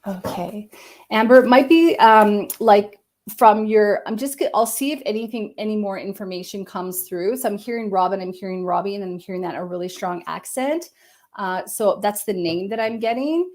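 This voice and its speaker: Speaking at a medium pitch and moderate pace, this woman gives a psychic reading on a live stream. Her manner is gentle and probing, full of hedging fillers, and she drops to a quiet murmur as she connects.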